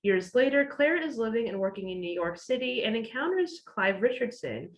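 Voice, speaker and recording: A woman's voice: a little high, big pitch swings, normal speed, rough recording. A woman on library staff, chatting casually and reading out book descriptions with frequent fillers. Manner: chatty, uses many fillers like "like" and "uh". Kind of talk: casual book recommendation chat.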